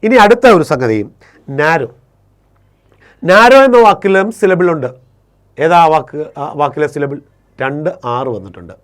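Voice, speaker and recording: A man's voice: a little high, very animated, fairly bright tone. A man teaching an English grammar lesson, explaining each rule step by step, often repeating himself and correcting his own slips. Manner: slows and stretches English rule sentences.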